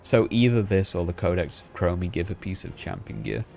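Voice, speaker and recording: A man streaming games, chatting and thinking aloud in a relaxed way. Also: low-pitched, fairly quick, vocal fry, faint music behind. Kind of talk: casual reaction livestream.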